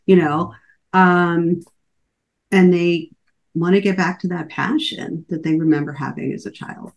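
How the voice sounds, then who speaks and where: A woman's voice: lowish voice, fairly even intonation, unhurried. A woman author in her forties talking casually as a podcast guest, chatty, with lots of fillers and restarts. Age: 40s. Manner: conversational, many fillers and restarts.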